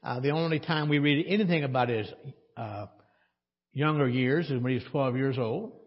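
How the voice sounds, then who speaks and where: Medium in pitch and husky, a male pastor gives a conversational sermon in a church sanctuary, asking his congregation questions and adding dry sarcasm. The recording sounds dull, with long church reverb.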